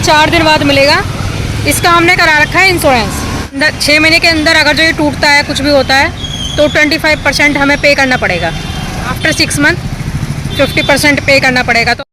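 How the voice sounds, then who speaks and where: High-voiced chatty woman vlogging. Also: background noise. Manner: chatty, talks straight to viewers and laughs loudly. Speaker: vlogger filming her family day. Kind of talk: casual vlog narration to camera. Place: outdoors in a home garden, later a park.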